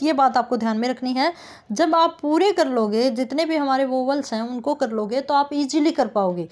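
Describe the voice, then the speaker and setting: A woman with a high, light voice teaches phonetic transcription in an online lesson. She explains each step patiently and checks in with her viewers often. She stretches out example words slowly so they can be heard clearly. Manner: explains step by step, often says "thik hai friends".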